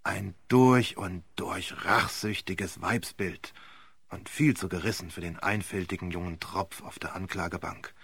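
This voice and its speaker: A man doing a gruff, grumbling old barrister. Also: low-pitched, steady tone, unhurried, fairly bright tone, no echo, voice pushed down, exaggerated voice. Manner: growling, grumbling.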